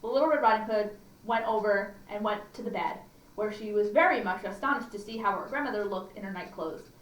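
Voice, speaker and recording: A woman with a mid-range voice hosts a children's library storytime, reading aloud expressively at a fairly quick pace and dropping in chatty asides and questions for her listeners. The room is echoey and the mic slightly distant.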